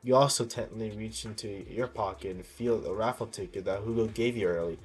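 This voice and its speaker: A man with a lowish, slightly rough voice reads a video game's story dialogue aloud, reacting as he goes. He reads haltingly, stumbling now and then and correcting misreadings, with faint music behind him.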